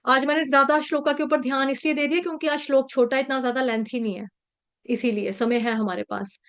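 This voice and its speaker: High-voiced woman teaching verse pronunciation. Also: fairly even intonation, fairly bright tone. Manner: patient, repeats syllables slowly to drill pronunciation. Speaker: Sanskrit verse recitation teacher. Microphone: video call.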